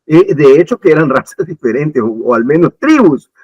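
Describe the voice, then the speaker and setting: A man's voice: on the high side, sing-song, moderate pace, a little mellow, slightly rough, no room sound, muffled recording. A man from Ecuador, emphatically giving his political opinions in a talk-show discussion, often restarting and repeating his points. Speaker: political commentator.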